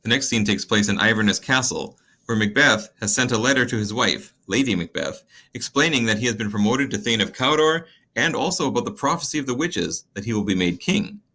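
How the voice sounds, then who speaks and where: A man's voice: on the low side, lively intonation, fairly quick, few pauses, pushed and bright. A man narrating a casual scene-by-scene summary of a play, in a wry, conversational manner.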